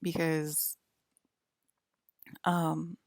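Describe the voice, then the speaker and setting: Extremely slowly, a vlogger in her forties talks straight to camera in a rambling, defiant, scolding monologue, punctuating nearly every point with "okay?" or "right?". Her deep, creaky voice stays level, and the recording is dry and clean, studio-grade.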